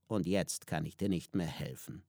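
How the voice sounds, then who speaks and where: A man voicing a wise male helper who sets trials, speaking in a low, hushed and deliberate way. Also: dry recording, clean studio sound, natural voice. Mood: instructive.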